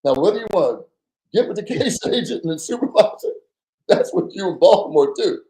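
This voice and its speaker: A middle-aged man with a fairly high but warm, mellow voice tells stories as a podcast guest. He acts out every exchange and drops casual curses along the way. The room is echoey. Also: fairly quick. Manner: animated, acts out quoted dialogue, swears casually. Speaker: podcast guest, former undercover agent. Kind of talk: casual storytelling interview.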